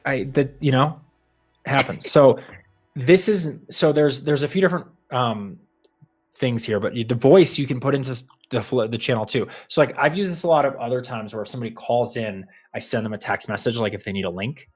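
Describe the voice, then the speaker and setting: A man's voice: mid-range voice, brisk, faint music behind. A man co-hosting a live coding stream, casually talking through the demo he is building as he goes. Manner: thinks aloud while building, relaxed and meandering.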